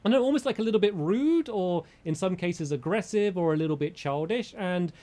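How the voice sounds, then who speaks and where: A man giving casual opinion commentary as a gaming creator, measured and diplomatic, carefully qualifying his points. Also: high-pitched, lively intonation, dark tone.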